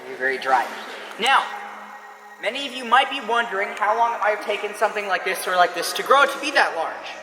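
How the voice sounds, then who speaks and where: A woman's voice: mid-range voice, very animated, fast talker, music in the background. A woman giving a guided tour to a group inside a large cave, explaining things and often repeating "very, very" for emphasis, her voice echoing off the cave walls. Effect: cave echo, long reverberation. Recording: echoey cave with long reverb.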